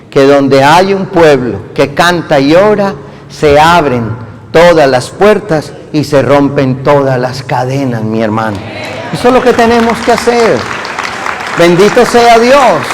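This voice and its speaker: Man, priest's sermon, high voice, slow unhurried delivery, long hall reverb. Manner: lively, acts out lines with playful humor.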